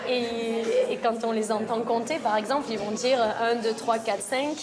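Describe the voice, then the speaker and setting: A woman's voice: a little high, fairly even intonation, moderate pace, crowd noise. A woman in her thirties from Lozère with a southern French accent, talking in a hesitant, casual interview as a French teacher and choir leader, with many restarts and fillers. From Lozère, southern France. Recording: noticeable background noise.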